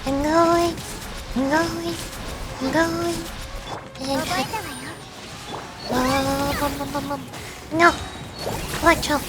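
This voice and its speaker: A VTuber game streamer with a high, steady voice talks slowly and pauses often over game music. She gives casual live commentary and chats with viewers in a playful, self-deprecating way.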